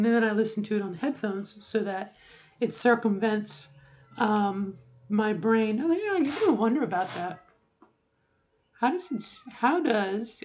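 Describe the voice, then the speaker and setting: This vlogger, a woman in her 40s, offers advice in a casual, chatty style, wandering off track and correcting herself. Her voice sits at mid pitch with a darkish tone, and the recording is slightly muffled.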